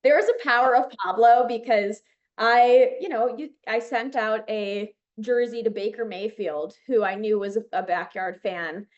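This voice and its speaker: A slightly high, somewhat slow voice belongs to this woman in her thirties, a Chicago-accented company founder chatting enthusiastically as an interview guest, with many fillers and restarts in her casual talk. The highs in the recording are cut off.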